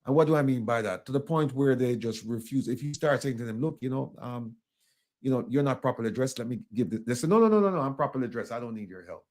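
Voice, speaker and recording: A man's voice: medium pitch, expressive, fast talker, darkish tone. A Jamaican man hosting an interview, asking earnest questions and leaning on "you know" and restarts. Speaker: talk show host.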